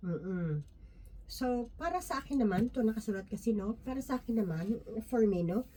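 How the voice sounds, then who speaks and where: A woman sharing a Bible reflection in an informal devotional talk, often checking in with her listeners through tag questions and pausing with fillers and restarts. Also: fairly high pitch, lively intonation, dark tone. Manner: halting, many restarts and fillers.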